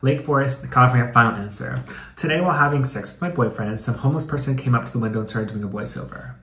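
Speaking fast with a sharp tone, this young American man reads aloud and comments as host of a comedy video. His mid-range voice carries a chatty, slangy, playfully dramatic flavor, captured in an echoey room with some noise behind it.

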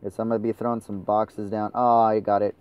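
A man's voice: fairly low pitch, level tone, a little fast, a little mellow, smooth. A young man commenting over his own gameplay, swearing and ranting at his teammates. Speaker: gaming channel host.

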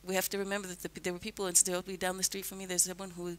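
Seated in a broadcast booth with a headset mic, an older US woman, a guest and resident, answers radio interview questions. She's calm, measured and earnest, and her pitch is fairly low.

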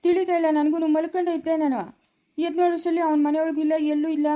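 A woman's voice: extremely high pitch, level tone, very fast, mellow. A woman playing a worried young mother hunting for her missing son in a village family drama, speaking in an anxious, pleading way.

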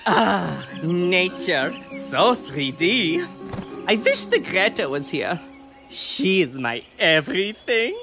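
Lovable teen boy, broken English; slow, swooping, dreamy. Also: sits high, very animated, vocal fry, music in the background, full character voice.

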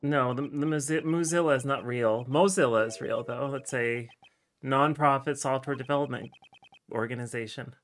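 A man's voice: medium pitch, moderate pace, a little hiss or hum. A man giving casual let's-play commentary as he streams a video game, venting his frustration and swearing constantly.

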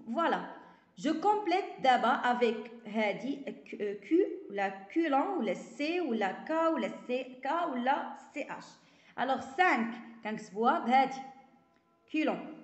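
High-voiced Moroccan woman teaching, echoey. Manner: reads French slowly, explains in dialect. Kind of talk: online school lesson. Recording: echoey, dull lo-fi sound.

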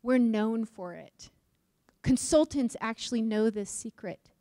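A woman's voice: fairly high pitch, measured pace, no room sound, clean studio sound. A woman from Utah giving a conference talk, asking the audience questions and joking. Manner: lively, questions the audience, jokes. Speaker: conference speaker.

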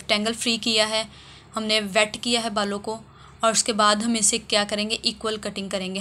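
A woman hairdresser narrates a how-to video as instructional voice-over, explaining step by step and often repeating herself. Her medium-pitched voice sounds pushed and bright, with slight background noise.

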